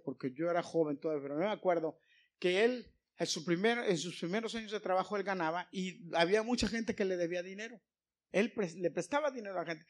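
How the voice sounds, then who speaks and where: A man from Mexico with a Mexican Spanish accent, preaching a sermon in a church, telling stories and asking his congregation questions. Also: high-pitched. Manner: storytelling, asks the congregation questions.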